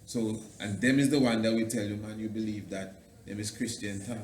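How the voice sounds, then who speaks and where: A man's voice: lowish voice, steady tone, brisk, a little mellow. A man interviewing in Rastafarian speech, using "I and I" phrasing and circling his way through long, repeated questions. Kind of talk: interview, casual theological discussion. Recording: roomy echo, faint background noise.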